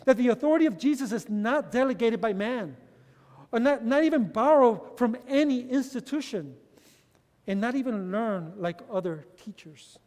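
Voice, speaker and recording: In a long, reverberant hall, a pastor with a very high-pitched, darkish voice preaches at a measured, animated pace. Each point comes first in Spanish and then in English, and he calls the congregation brothers.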